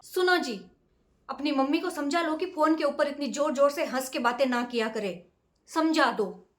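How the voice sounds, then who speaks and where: A woman's voice: high-pitched, normal speed, slight background noise, natural voice. A woman acting a young daughter-in-law who firmly talks back in a comedy skit. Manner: pointed, reasoning, talking back. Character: young daughter-in-law, firm and sharp-tongued. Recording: roomy echoey indoor sound.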